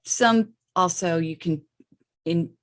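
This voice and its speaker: A middle-aged woman with a low, grounded voice talks through a spiritual practice like a teacher. Her delivery is loose and conversational, peppered with little check-ins to the listener. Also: takes it slowly. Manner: loose and chatty, with frequent okays and rights. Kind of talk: casual explanation of a meditation practice.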